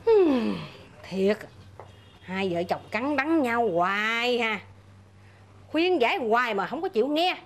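Motherly, preachy Southern Vietnamese neighbor, middle-aged, pitched a bit high. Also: lively intonation, slow, long pauses. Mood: lecturing. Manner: motherly, lecturing, exclaiming. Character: motherly lecturing village neighbor woman. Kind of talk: rural comedy film acting.

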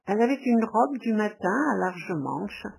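A woman reading a classic novel aloud as audiobook narration, measured and even. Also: medium pitch, vocal fry, slight background noise, low-quality recording. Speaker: audiobook reader.

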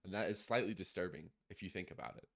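Excitable man with a gravelly low voice. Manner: excitable, quick to gasp and laugh; slangy, laid-back. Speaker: podcast co-host. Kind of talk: casual chat.

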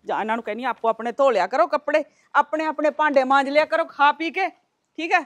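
A middle-aged woman playing a mother-in-law who loudly scolds her quarrelling daughters-in-law. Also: high-pitched, brisk. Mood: scolding. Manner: loud, scolding, sharp-tongued. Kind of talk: village family drama acting.

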